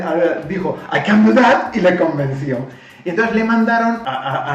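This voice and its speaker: Lively Spanish host, slightly high voice, echoey and far from the mic. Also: male voice, muffled recording. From Spain. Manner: animated, acts out quoted lines with laughter. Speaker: YouTube language-learning host. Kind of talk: casual retelling and explanation.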